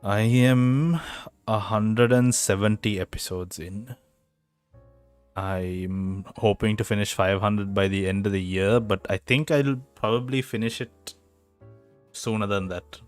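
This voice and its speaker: A man's voice: on the low side, fairly even intonation, a little slow, smooth, faint music behind. A young man co-hosting a podcast, chatting casually and joking, rambling with many fillers over a home mic that sometimes cuts out. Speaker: podcast co-host. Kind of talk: casual chat. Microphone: home mic over a voice call, sometimes cutting out.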